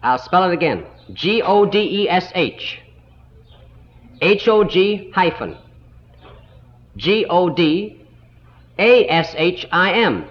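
A man's voice: high-pitched, sing-song. Man teaching a Bible lesson on an old, dull tape. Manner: slow, deliberate, spells out words letter by letter. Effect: old recording. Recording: dull lo-fi 1960s tape recording.

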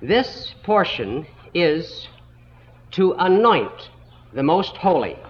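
A man's voice: a little high, very animated. Man teaching a Bible lesson on an old, dull tape. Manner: slow, deliberate, spells out words letter by letter. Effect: old recording. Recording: dull lo-fi 1960s tape recording.

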